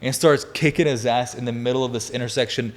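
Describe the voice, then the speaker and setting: A man in his twenties, a podcast guest, telling a wild story in casual chat, energetic and profane, laughing as he goes. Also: mid-range voice, fast, background noise.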